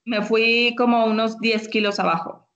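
A woman with a Mexican accent tells her personal story to an interviewer. She speaks in a somewhat high voice and brings the people in her story to life. The audio is muffled and lo-fi, like a call recording. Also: moderate pace. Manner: animated storytelling, acting out what others said. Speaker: interview guest. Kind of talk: personal testimony in a remote interview.

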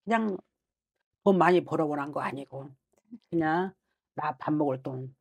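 A woman's voice: sits low, a little slow, creaky, darkish tone, husky. Blunt, scolding middle-aged woman fortune teller. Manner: blunt, scolding, acts out the client's thoughts. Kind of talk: fortune-telling consultation. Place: small shrine office.

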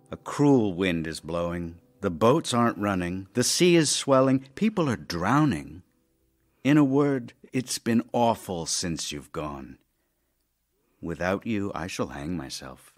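In an audio drama of love letters, a male actor with a deep voice plays a witty, weary, affectionate middle-aged playwright. His delivery is dry, teasing, and theatrical, with a melancholy, wry mood.

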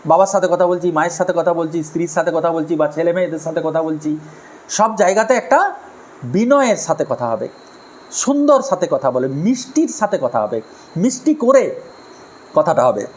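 A man giving a moral lecture on family life to a live audience, in an animated way, asking rhetorical questions and acting out harsh and gentle tones of voice. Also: fairly high pitch, brisk, rough recording. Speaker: spiritual speaker on family life.

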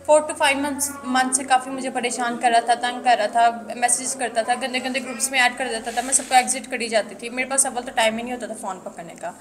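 Anxious high-voiced woman. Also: steady tone, a little fast, hardly any pauses. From Pakistan. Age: 20s. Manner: anxious, repetitive, many restarts; high-pitched, earnest. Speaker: interviewee. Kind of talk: recounting harassment in an interview.

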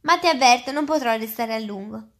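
A well-mannered little girl speaks in a storybook reading, polite but a little unsure and puzzled, as a woman reader puts her on. The voice is fairly high. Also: a little fast, a bit bright. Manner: polite, hesitant. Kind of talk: reading aloud.

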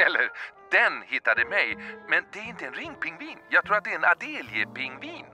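A man voicing an eager, good-natured adult explorer in a dubbed cartoon, upbeat and excitable. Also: on the high side. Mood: chatty. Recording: music bed behind voice.

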